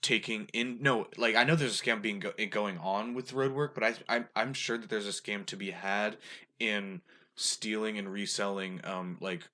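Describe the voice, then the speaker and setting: A man's voice: on the low side, moderate pace, pushed and bright. Rambling young man, full of "like". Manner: rambling, many fillers like "like". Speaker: podcast co-host. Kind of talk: casual chat.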